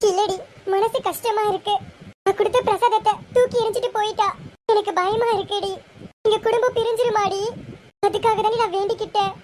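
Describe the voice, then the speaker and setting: A woman's voice: very high voice, steady tone, fairly quick, background noise, pitched above the performer's own voice. A girl voicing a young woman who cries because she fears her family will split, in an amateur serial role-play. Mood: tearful. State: crying.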